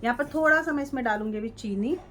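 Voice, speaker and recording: A woman's voice: on the high side, fast, a bit bright. A woman chatting casually through a home beauty remedy, often checking in the viewer. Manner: chatty, repeats "ठीक है" and "ये देखो". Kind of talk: casual how-to demonstration. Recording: light background noise.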